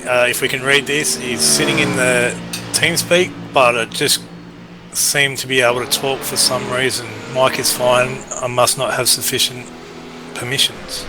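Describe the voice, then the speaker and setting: A man's voice: mid-range voice, little pitch movement, a little slow, vocal fry, noisy background. A man from Western Australia with an Australian accent, co-commentating in a laid-back, jokey way.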